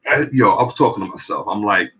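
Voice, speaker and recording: A man's voice: fairly low pitch, lively intonation, fast, fairly bright tone, dull audio. A man from New York with a New York accent, telling a story in casual, streetwise talk and often asking "you know what I'm saying". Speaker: barber and vlogger.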